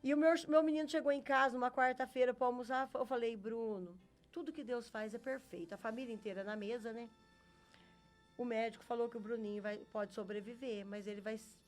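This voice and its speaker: A woman's voice: a little high, fairly even intonation, a little fast, soft background music. A middle-aged Brazilian woman giving a faith testimony as an interview guest. She tells her story earnestly and acts out what each person said. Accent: Brazilian Portuguese. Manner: earnest storyteller who acts out quoted dialogue.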